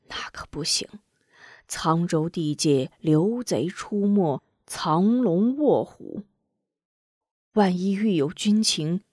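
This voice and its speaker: Brief: stern officer father, played by a female storyteller, soft and hushed when he reasons. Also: on the low side, no echo, studio quality. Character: stern middle-aged father, a military officer.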